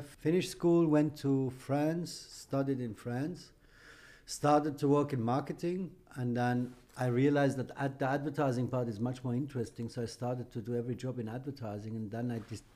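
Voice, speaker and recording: A middle-aged Iranian man with a mid-range, dark voice speaks English as a podcast interview guest. He gives emphatic, opinionated answers and often ends them with a questioning "no?".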